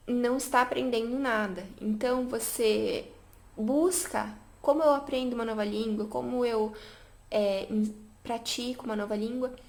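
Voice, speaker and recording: A woman with a slightly high, darkish voice chats casually to the camera about learning languages. A language vlogger whose first language is Portuguese, she's upbeat and talkative, using lots of fillers.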